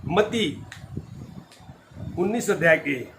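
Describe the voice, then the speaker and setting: Male pastor, high voice, emphatic sermon style, faint hiss behind. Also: animated, takes it slowly. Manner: emphatic, rhetorical questions and call-and-response. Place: church hall.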